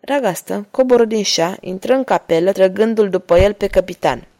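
A woman narrating an adventure novel chapter in a steady, measured storytelling voice. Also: mid-range voice. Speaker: audiobook narrator. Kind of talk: scripted narration.

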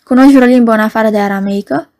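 A woman reading a cold monotone Roman governor. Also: fairly high pitch, lightly acted. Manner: flat monotone, never raising the voice. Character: cold ailing Roman procurator, stern middle-aged man.

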